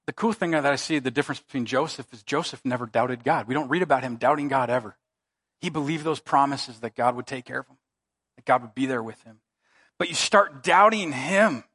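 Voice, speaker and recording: A man's voice: on the high side, a bit bright. A middle-aged man preaching a sermon as pastor, in an emphatic, conversational way, in a church. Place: church sanctuary.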